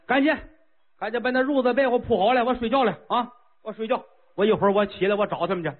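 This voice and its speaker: A man voicing an impatient, girl-crazy ancient king who pleads and whines eagerly. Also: fast talker. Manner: eager, whiny, high-pitched pleading. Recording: tinny lo-fi phone-like sound.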